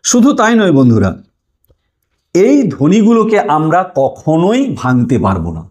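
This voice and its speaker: A man's voice: a little high, huge pitch swings, normal speed, darkish tone. A man teaching a lesson online, explaining step by step, drawing out sounds and asking listeners questions.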